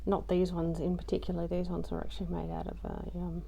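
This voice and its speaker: This craft journaling vlogger, her voice freshly recovered from loss, rambles about a home craft project with lots of ums and self-deprecating asides. Her delivery is fairly low, brisk, and completely flat, with a warm, husky quality and vocal fry.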